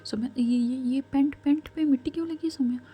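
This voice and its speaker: A woman's voice: a little high, normal speed, dark tone, natural voice. A woman voicing an anxious, doting middle-aged mother who stammers through worried questions. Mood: frantic worry. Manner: frantic, stammering, fussing questions.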